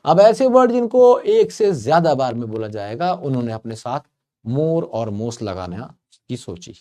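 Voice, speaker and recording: In an unhurried, sing-song, mellow mid-range voice, a man gives learners an English grammar lesson. He tells it like a story in a chatty way and playfully elongates words to make a point.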